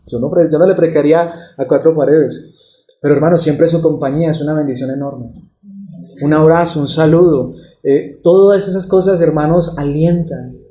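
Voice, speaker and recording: A man preaching an expository sermon to his congregation, earnest and personal, often pausing with rhetorical questions. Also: a little high, warm tone, echoey room. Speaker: pastor. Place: church.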